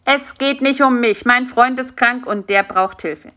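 A woman voicing an excitable, kind-hearted male spider who talks in a lively, brash way. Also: mid-range voice, moderate pace. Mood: pleading.

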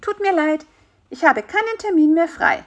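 A woman's voice: very high-pitched, animated, normal speed, voice pushed up. A woman voicing a plump, grumpy male beetle doctor who talks in a curt, dismissive way.

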